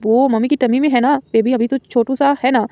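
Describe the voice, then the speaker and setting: A woman voicing a cute, eager little girl who speaks slowly and pleads like a child, in a storybook reading. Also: high-pitched, fairly even intonation, no room sound, highs cut off. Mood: pleading.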